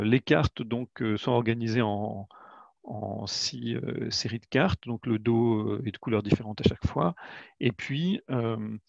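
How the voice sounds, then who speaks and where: A man's voice: medium pitch, vocal fry, dry recording. A man giving a webinar presentation of his educational card games, hesitant and full of "euh" fillers and restarts, on a computer mic over a video call. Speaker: educational game creator presenting. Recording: dull lo-fi webinar audio, dry.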